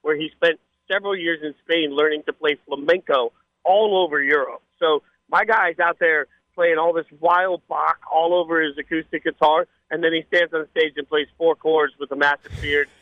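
A man's voice: fairly high pitch, fairly even intonation, normal speed, dry recording, narrow, tinny audio. A man appearing as a radio guest, telling casual anecdotes in a chatty, rambling way.

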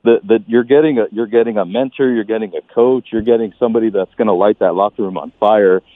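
A man's voice: lowish voice, quick pace, no echo. A man calling a sports show, casually and enthusiastically giving his opinion, restarting and stacking his phrases. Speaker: phone-in caller. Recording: tinny phone line.

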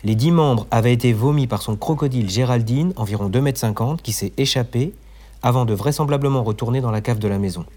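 A man doing a well-meaning, bumbling male inspector in a comedy audio drama. He speaks courteously and a bit pedantically, with a husky edge to his voice. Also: mid-range voice, a little fast, warm tone, natural voice. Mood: pedantic. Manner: polite, clumsy, pedantic.

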